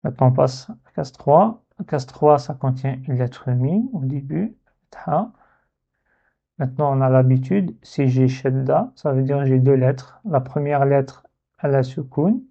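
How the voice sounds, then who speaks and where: Male teacher walking thru an exercise, calm medium voice, repeats words slow for you to copy. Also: medium pitch, gravelly, dull audio. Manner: slow, patient, repeats words to model pronunciation. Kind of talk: step-by-step lesson narration.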